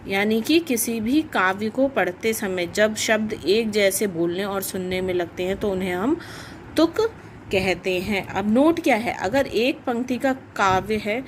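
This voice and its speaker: Slow-speaking woman teaching grammar. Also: mid-range voice, slight background noise. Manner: slow, explanatory, repeats definitions. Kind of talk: grammar lesson for children.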